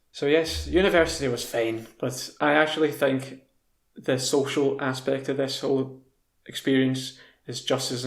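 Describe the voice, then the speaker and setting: Scottish young man, flat and gravelly, rambling casual storyteller, echoey room. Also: mid-range voice. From Scotland. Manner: relaxed, rambling, with fillers and restarts. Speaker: language video host. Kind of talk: casual storytelling for English learners.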